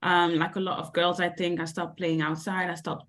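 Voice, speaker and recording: Fairly low in pitch yet fairly bright in tone, her voice stays level at a moderate pace. The young Belgian woman, a sports coach and mentor on as a guest, answers questions about her coaching in a hesitant way, with many fillers such as ums and likes.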